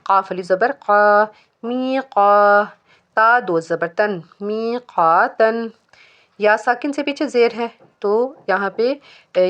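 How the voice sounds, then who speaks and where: Woman, recitation teacher, spells letters, recites phrases slowly, mid-pitched voice. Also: highs cut off. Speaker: Quran tajweed teacher. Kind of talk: step-by-step recitation lesson.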